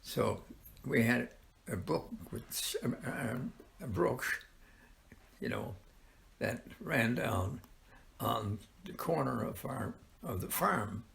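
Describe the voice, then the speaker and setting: An elderly man tells stories in a very gravelly grandpa voice at a middling pitch. He rambles informally and pauses often as he searches for words. The recording has faint background noise. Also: expressive, a bit bright. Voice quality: gravelly, creaky. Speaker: grandfather telling childhood stories. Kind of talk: informal oral storytelling.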